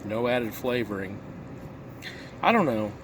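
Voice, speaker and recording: A man's voice: on the low side, expressive, unhurried. A man giving a casual, rambling review while puffing on a pipe, musing aloud and asking himself rhetorical questions. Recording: clear background noise, vehicle-like ambience.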